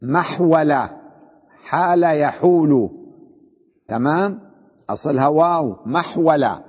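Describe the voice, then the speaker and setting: A man with a fairly high voice teaches a grammar class, drawing out word forms syllable by syllable, then putting questions to the class and answering them himself. His voice rings with a long echo around a hall, and the recording sounds dull and muffled. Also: breathy edge. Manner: drawls words out slowly to spell out their forms. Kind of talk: classroom lesson.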